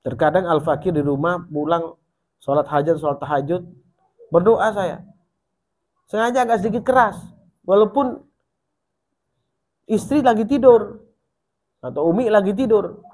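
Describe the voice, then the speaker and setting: Male preacher, high-pitched, swings between ringing exhortation and quiet warning. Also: normal speed, long pauses. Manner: rises in pitch and volume when urging, drops low and soft when warning. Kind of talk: sermon.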